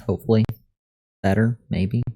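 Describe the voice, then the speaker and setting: A man's voice: lowish voice, fairly even intonation, moderate pace, dark tone, husky. A man streaming himself learning to code, muttering commands aloud as he types, his audio glitching and cutting out. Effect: glitchy audio that keeps cutting out. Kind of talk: casual live-stream narration.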